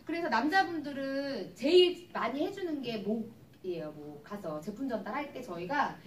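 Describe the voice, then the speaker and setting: A woman's voice: fairly high pitch, expressive, normal speed, slight background noise. A woman presenting and demonstrating skincare to an audience in a hall, chatty and acting out customer exchanges as she tells stories. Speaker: cosmetics business presenter. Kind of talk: live seminar demonstration and storytelling. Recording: echoey hall recorded from far off.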